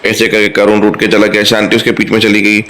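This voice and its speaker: A man's voice: fairly low pitch, completely flat delivery, fast talker, fairly bright tone. A man casually retelling a TV serial episode in a chatty, rambling way. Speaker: TV serial recapper. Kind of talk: casual storytelling recap.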